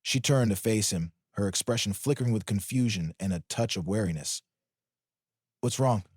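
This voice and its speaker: A man reading a scripted drama story aloud in a steady storytelling manner. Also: lowish voice, a little fast, husky, no echo, studio quality. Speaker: narrator.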